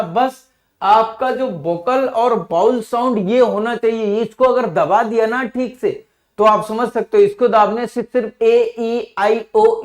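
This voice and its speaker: A man's voice: high voice, reverberant. A male teacher explaining grammar to students in a classroom, calling them "beta" and patiently walking through examples.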